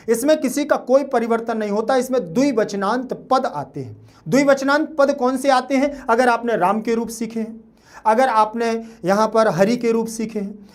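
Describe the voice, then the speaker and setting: A man teaching a grammar lesson in a class video. He explains patiently, repeats his points, checks in with the students often and uses everyday comparisons. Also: extremely high pitch.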